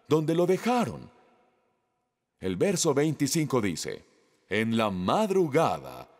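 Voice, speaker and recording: A man's voice: medium pitch, darkish tone, long reverb tail. A man preaching a sermon, reading scripture aloud and putting questions to the congregation.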